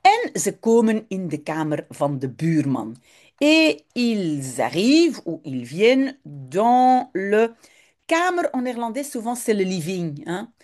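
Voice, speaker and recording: A woman teaches at an unhurried pace, reading a short text and explaining it word by word. Her pitch moves freely up and down as she explains. She is patient and thorough, like a tutor going through a lesson. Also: very animated, a little mellow. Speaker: language teacher.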